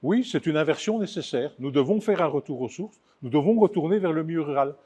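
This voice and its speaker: A man's voice: a little high, expressive, brisk, warm tone. A man, an author and film producer, speaking earnestly in a studio interview and building up emphasis as he explains his plans.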